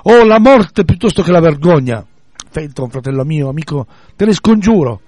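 A man's voice: fairly high pitch, expressive, a little fast, mellow, no echo. A man reading as a pleading scheming woman prisoner. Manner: dramatic pleading read-aloud.

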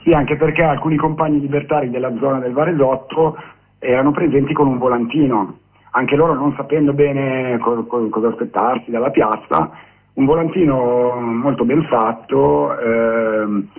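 Man on speakerphone, halting, gravelly voice, husky, tinny phone line. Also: medium pitch, steady tone. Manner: halting, many pauses and fillers. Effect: on speakerphone over a phone line. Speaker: guest activist. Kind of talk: radio interview by phone.

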